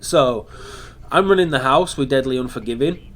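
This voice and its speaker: A man with a mid-range voice and a moderate pace hosts a gaming channel, chatting his way step by step through a build in casual commentary. Hay fever leaves him sounding nasal and sniffly.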